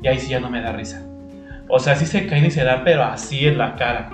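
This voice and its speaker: A man's voice: medium pitch, fairly quick. Male podcast co-host, giggly storyteller, echoey room with faint music. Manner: laughs often while telling stories. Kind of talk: casual chat.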